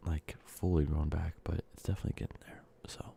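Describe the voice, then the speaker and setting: Talking fast and flatly, a congested man who sounds sick and short of breath rambles softly through a candy-making ASMR video, dropping into whispers and leaning on ums and uhs. His very low, gravelly voice has a dark, mellow tone.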